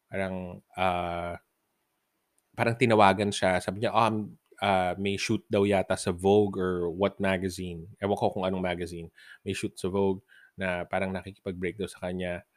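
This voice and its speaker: Laid-back podcast guy, lowish voice, dry mic, keeps cracking up at his own stories. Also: flat delivery, normal speed, dry recording. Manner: laughs often while telling funny stories, mixes English into his talk. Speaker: podcast host. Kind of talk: casual storytelling.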